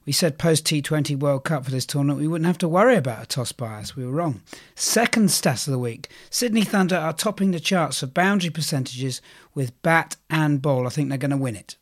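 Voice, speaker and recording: Croaky, fairly high-pitched man presenting. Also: a little fast, dry recording, studio quality. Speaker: podcast co-host. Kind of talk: cricket betting podcast presenting.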